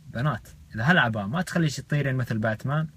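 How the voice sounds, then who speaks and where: A quick-talking man on delivers casual, playful comic bits in colloquial slang. His pitch is middling, and faint noise sits behind him. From United States. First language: English. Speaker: social media comedian and vlogger. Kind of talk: casual comic talk to camera.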